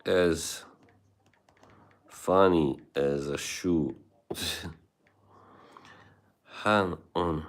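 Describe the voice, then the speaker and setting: This streamer talks very slowly, leaving long pauses, in a deep voice marked by an Eastern European accent. The livestream is relaxed, full of chat with viewers, frequent laughter and casual cursing.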